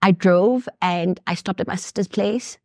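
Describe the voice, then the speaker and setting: Low-voiced woman, heartfelt. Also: measured pace, no room sound, studio quality. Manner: heartfelt, reliving painful memories. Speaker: guest. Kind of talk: emotional personal storytelling.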